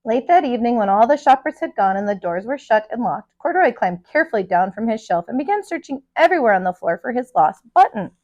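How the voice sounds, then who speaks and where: A woman who is a teacher and storyteller, reading a children's picture book aloud in an expressive, dramatic way. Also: fairly high pitch, fast talker, hardly any pauses, lo-fi sound.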